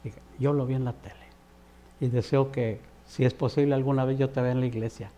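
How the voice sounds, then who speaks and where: A man's voice: mid-range voice, fairly even intonation, brisk, dark tone. A man preaching an earnest televised sermon, exhorting the viewer directly.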